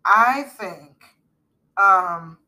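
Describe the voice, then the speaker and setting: A woman's voice: mid-range voice, extremely slow, pushed and bright. A middle-aged woman co-hosting a podcast in casual chat, rambling with fillers and restarts. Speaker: podcast co-host.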